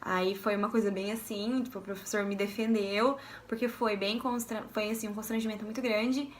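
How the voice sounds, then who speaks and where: A woman's voice: mid-range voice, brisk, slight background noise. A young woman from Brazil telling stories to camera in a casual vlog, acting out the voices of the people she quotes. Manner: animated, acts out quoted voices. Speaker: vlogger.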